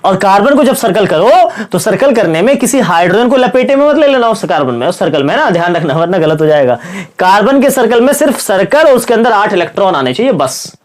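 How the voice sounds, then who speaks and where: A male science teacher giving a classroom-style chemistry lesson with a sore, slightly hoarse throat. He asks his students questions, answers them himself, and keeps repeating the key words. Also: sits high, big pitch swings, fairly quick. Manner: repeats key words and calls listeners "kids" and "brother".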